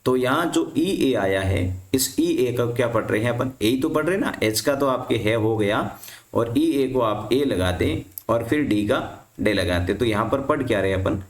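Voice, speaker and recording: A man's voice: medium pitch, expressive, moderate pace, echoey room. A male teacher explaining rules to students, who asks the class a question and then answers it himself.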